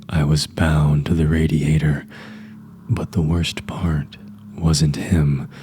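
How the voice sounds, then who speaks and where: A man narrating a horror story in a hushed, breathy, half-whispered delivery. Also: very deep voice.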